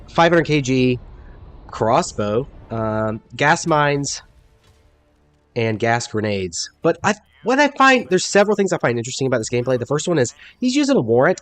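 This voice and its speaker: A man's voice: mid-range voice, no room sound. Congested man commenting on gameplay. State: congested from a cold.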